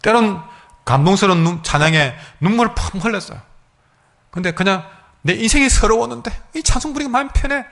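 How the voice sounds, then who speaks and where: A man preaches a sermon in a high voice that swoops up and down. He is emphatic and acts out the voices of his congregation. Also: expressive, a little fast, vocal fry, a bit bright. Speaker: pastor.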